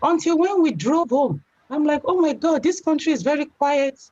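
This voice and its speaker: A young adult woman with a Nigerian accent, a guest telling her story in a chatty, relaxed way, often saying "you know". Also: sits high, moderate pace. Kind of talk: casual interview. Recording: slightly dull lo-fi sound.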